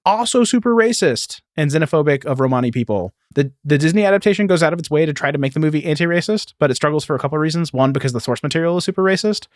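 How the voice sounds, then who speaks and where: Racing along with hardly a pause, a man with a fairly high, expressive voice hosts a podcast and tells stories about film and history. His style is informal and rambling, with many asides. The studio sound is clean, with no echo.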